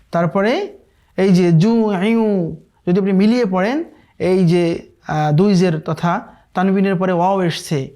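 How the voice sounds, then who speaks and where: Male tajweed teacher, brisk explainer, checks in with listeners constantly. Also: high voice, darkish tone. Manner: explains quickly, then recites verses slowly and drawn out; often checks in with listeners asking "okay?". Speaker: Quran recitation teacher. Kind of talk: online tajweed lesson.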